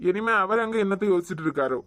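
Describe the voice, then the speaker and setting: A woman with a Kanyakumari Tamil accent voicing a gruff, worried middle-aged man in a cartoon, speaking reproachfully. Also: medium pitch, lively intonation, rapid-fire, no echo, natural voice.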